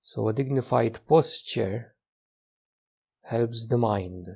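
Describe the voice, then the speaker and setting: Gentle and unhurried, a male teacher leads a guided meditation in short phrases punctuated by long pauses. His mid-range voice is gravelly and husky.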